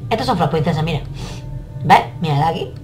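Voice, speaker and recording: A woman's voice: sits low, expressive, quick pace, darkish tone, soft background music. A woman, commenting casually on a game as she plays and playfully teases its characters. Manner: playful, teasing game characters, laughing often. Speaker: gamer.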